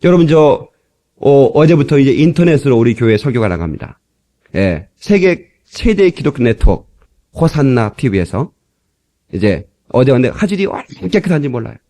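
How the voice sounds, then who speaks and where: Recorded in church on an old cassette tape, a male pastor delivers a chatty, joking sermon and breaks into recitations in dialect. His mid-range voice is mellow and very animated, at a moderate pace.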